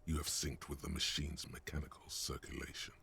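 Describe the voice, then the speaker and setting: A man voicing a brooding, wry inner-voice narrator in a video game, speaking in a measured, poetic way. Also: little pitch movement, sharp tone, exaggerated voice. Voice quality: very deep gravelly voice.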